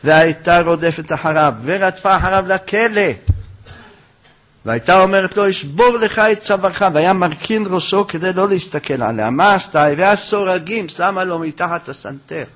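Guy giving a torah class, gets loud and lively telling stories, kinda higher voice, dull lo-fi recording. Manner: animated storytelling, rising loud for quoted lines. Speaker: rabbi. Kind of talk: Torah lecture.

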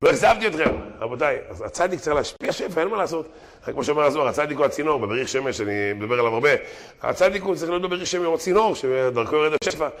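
Animated man teaching a religious lesson. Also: fairly high pitch. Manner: animated, slangy, mixing learned and street idiom. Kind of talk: religious lesson mixed with jokes.

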